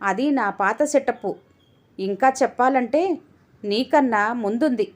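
A scornful, arrogant drunken husband from a storybook tale, as a woman narrator puts him on. He sneers and shouts his dismissive lines in a raised, high voice. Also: a little slow.

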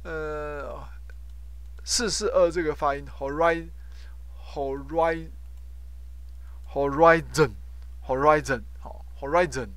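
A man with a fairly high voice runs a vocabulary lesson, repeating each word again and again for drilling. His voice sounds dry and close, with almost no room sound. He often ends phrases with a quick "ha". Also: steady tone, no echo. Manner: drills pronunciation by loudly repeating words, frequent "ha" tag. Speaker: professor teaching English word roots.

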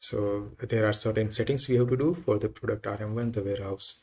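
A man giving an unhurried screen-recorded software walkthrough, thinking aloud with frequent fillers. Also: fairly low pitch, steady tone, slightly rough. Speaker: software tutorial presenter.

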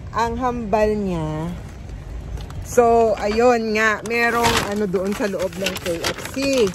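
A woman's voice: mid-range voice, extremely slow, long pauses. A Filipina vlogger from the Philippines with an Ilonggo accent, chatting casually and teasing herself, switching between Filipino and English. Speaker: family vlogger. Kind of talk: casual vlog chat. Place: in a car and around town. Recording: car and street noise behind. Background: car and street noise.

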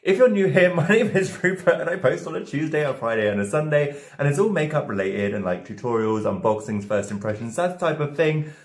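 A drunk man in his twenties talks casually to camera as if giving a tutorial. He rambles, second-guesses himself and loses his thread. The recording is roomy and echoing, with an average-pitched male voice. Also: expressive, fairly quick, few pauses. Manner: rambling, self-doubting, losing his thread. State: tipsy, drunk on wine. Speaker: makeup video creator. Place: indoor home studio with dark backdrop, roomy. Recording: roomy, echoing indoor sound.

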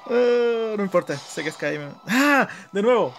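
His voice is high, gravelly, and a bit bright, animated yet unhurried. He's a gaming video host with a Chilean Spanish accent, casually commenting on his gameplay live in slangy terms and partly muttering to himself, with video game music behind.

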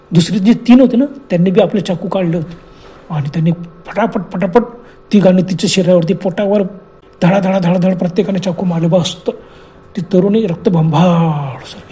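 A man narrating a horror story in a slow, emphatic, repetitive way. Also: high-pitched, warm tone.

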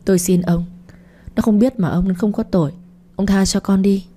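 A woman's voice: medium pitch, steady tone, normal speed, warm tone, natural voice. A woman narrator voicing a stubborn older mother who pleads tearfully in an audio story. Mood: tearful pleading. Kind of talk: audiobook reading.

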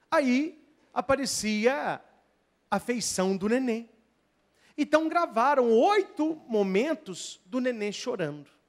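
A priest with a Brazilian Portuguese accent preaching a lively sermon, telling stories and jumping from loud to soft, with chatty asides to the audience. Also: male voice, high-pitched. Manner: animated storytelling, swings from loud to soft.

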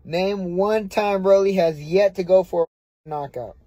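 Late at night in a dim room, a young boxer from the United States livestreams casually on his phone, held close, with no echo. His high voice is warm and unhurried, though his talk is brash, repetitive, and full of swearing.

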